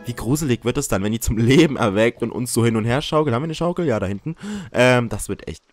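A man's voice: mid-range voice, expressive, fast, no room sound. A young man giving casual, joking commentary while playing a life-simulation game, often teasing the characters. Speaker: let's play host.

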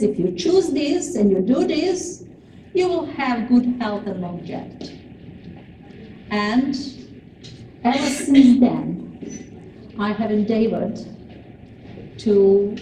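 An older woman from Serbia speaks to a cooking class in a slow, earnest way, often pausing between phrases. Her voice is mellow and unhurried. It is picked up from across a large, echoey hall. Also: on the high side, far from the mic, a little hiss or hum. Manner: slow, earnest, with frequent pauses. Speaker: cooking demonstrator. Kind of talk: informal talk to a class. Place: large plain hall with kitchen tables.

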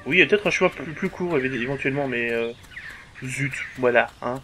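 A man's voice: mid-range voice, fast talker, fairly bright tone, slight background noise. A man giving casual let's-play commentary over a game, jokey and crude, swearing often and humming along.

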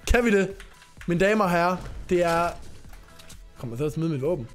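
A young Danish man with a notably high voice streams a game right up against his microphone. He swings all over his range, yelping and shouting at the action, while game music plays behind him. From Denmark. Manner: excitable, yelps and shouts at the game. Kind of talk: live gaming commentary. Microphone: talking very close to the microphone.

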